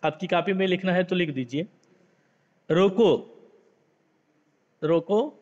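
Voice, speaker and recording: A man teaching a grammar lesson, explaining slowly with examples, mixing in English words, addressing the class as friends, and lifting his voice to act out the example sentences. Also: high-pitched. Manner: reads example sentences in a lifted, acted voice. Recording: dull lo-fi sound in a reverberant room.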